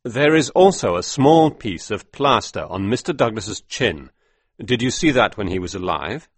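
A man voicing a calm, measured male detective in a read-aloud detective story, asking probing questions in a husky voice. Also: fairly low pitch, no room sound, pitched above the performer's own voice, full character voice.

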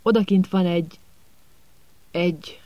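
A man reading an audiobook, voicing a teenage boy wizard in a hushed, urgent tone. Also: high voice, steady tone, dry recording, lo-fi sound, natural voice.

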